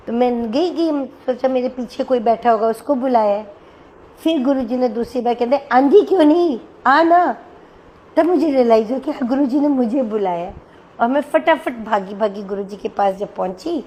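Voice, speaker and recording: An older woman tells a devotional story to a gathering. She acts out each exchange with emotion. Her voice sits high but sounds soft and mellow, with faint ambient noise behind. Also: poor audio. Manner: emotional storytelling, acting out dialogue. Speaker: devotee sharing a personal story.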